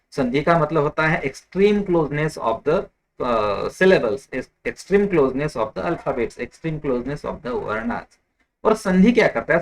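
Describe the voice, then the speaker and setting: A man teaching a Sanskrit grammar lesson in a patient, explanatory way, repeating examples slowly and stopping to correct small slips. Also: on the high side, fairly bright tone. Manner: explanatory, slips and corrects himself, mixes English terms. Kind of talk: online lecture.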